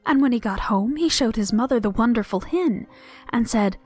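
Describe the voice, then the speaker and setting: A woman narrating a fairy tale aloud with lively expression, dropping to a whisper at tense moments. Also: fairly high pitch, moderate pace, faint music behind. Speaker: storyteller. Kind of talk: storybook read-aloud narration.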